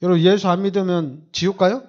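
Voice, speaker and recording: A man's voice: high-pitched, flat delivery, quick pace, lo-fi sound. A man preaching a sermon as pastor, emphatic and repetitive, with many rhetorical questions.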